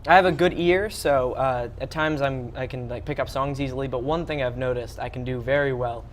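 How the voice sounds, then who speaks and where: A man's voice: mid-range voice, steady tone, brisk, a little hiss or hum. A young man in his late teens answering interview questions, hesitant and full of fillers. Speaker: interview guest. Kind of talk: casual interview.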